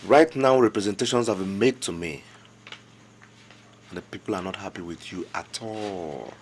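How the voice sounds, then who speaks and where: A man's voice: deep voice, normal speed, slight background noise, close to an everyday voice. An actor playing a respectful but insistent young local government chairman with a Nigerian accent, earnest and deferential while pressing his point. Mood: pleading. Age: young adult. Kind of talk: film drama acting.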